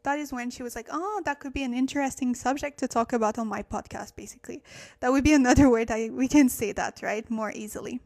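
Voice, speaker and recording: A native French speaker talks quickly in English, her voice a little high and a little mellow, as she runs a casual livestream Korean lesson. She reasons out loud, with fillers and self-corrections.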